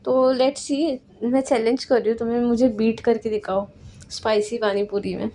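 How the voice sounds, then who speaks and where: A woman's voice: fairly high pitch, steady tone, moderate pace, slight background noise, natural voice. A woman storyteller voicing a sweet, caring young woman who teases her friend back. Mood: teasing. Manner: soft, pleading, teasing.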